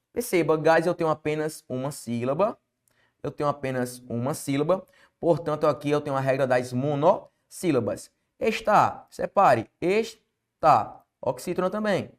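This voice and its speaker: A man's voice: on the high side, lively intonation, unhurried. Emphatic Brazilian man teaching grammar. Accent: Brazilian Portuguese. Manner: emphatic, quizzing the viewer with rhetorical questions. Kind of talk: exam-prep grammar lesson.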